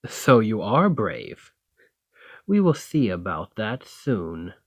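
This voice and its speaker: In this ASMR fantasy roleplay, a man plays a confident Nordic warrior lord, a thane who speaks to the listener in a commanding, flirtatious, teasing way, challenging yet playful. The dry recording carries his fairly low, breathy, sing-song voice, slow and exaggerated.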